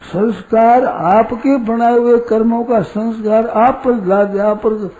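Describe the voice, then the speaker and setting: Older male preacher, high mellow voice, deliberate storytelling discourse. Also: fairly even intonation, poor audio. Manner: storytelling, rhetorical questions, slow and deliberate. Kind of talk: spiritual discourse.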